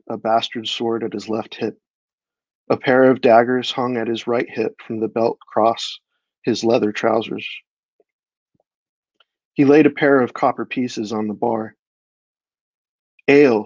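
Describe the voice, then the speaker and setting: A man reading his own dark fantasy story aloud at a live event, in a measured storytelling voice. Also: medium pitch, no echo, dull audio.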